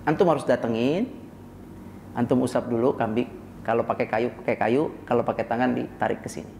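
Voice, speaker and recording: A man giving a casual religious lecture, animated and acting out scenes, often asking rhetorical questions. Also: a little fast, vocal fry, slight background noise. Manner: animated, acts out scenes with sudden high-pitched shouts; uses frequent rhetorical tag questions. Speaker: Islamic preacher. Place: prayer room in an office tower. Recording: echoey prayer room with long reverb.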